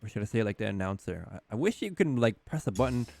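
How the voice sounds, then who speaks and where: A man casting a live esports match as play-by-play commentator, getting louder and higher at the big plays. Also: fast talker, gravelly. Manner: excitable, rising in pitch and volume at key plays. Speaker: esports caster.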